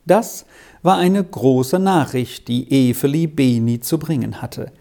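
Male audiobook narrator, calm, measured, slow, mellow, gravelly. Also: medium pitch.

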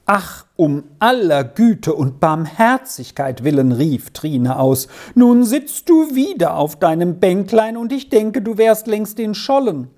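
A woman voicing a worried old housekeeper in a storybook reading, speaking in an anxious, pleading, softly urgent way. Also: medium pitch, sing-song, slow, hardly any pauses.

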